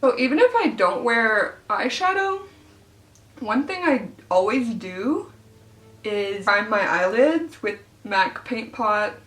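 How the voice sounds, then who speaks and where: A woman's voice: a little high, big pitch swings, slow, a bit bright. An American woman from Arkansas vlogging casually and candidly as she gets ready, her speech slightly altered by teeth whitening trays in her mouth. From Arkansas, southern United States. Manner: candid, informal, swearing, self-deprecating. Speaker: beauty vlogger. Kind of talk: casual chatty get-ready-with-me vlog. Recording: echoey room, distant microphone.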